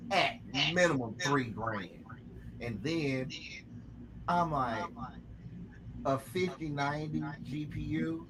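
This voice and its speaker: A man's voice: medium pitch, background noise. A man hosting a casual online chat, laid-back and rambling, swearing offhandedly.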